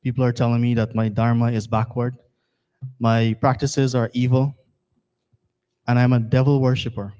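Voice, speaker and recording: A man's voice: medium pitch, little pitch movement, moderate pace, pauses often, dark tone, smooth. A man from Guyana, chairing a temple service in an earnest, rhetorical formal address that repeats phrases for emphasis. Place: temple hall.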